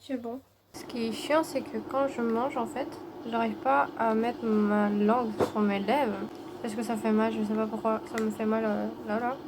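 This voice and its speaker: A woman's voice: on the high side, level tone, moderate pace, background noise. A young woman whispering to her vlog, anxious and unable to sleep.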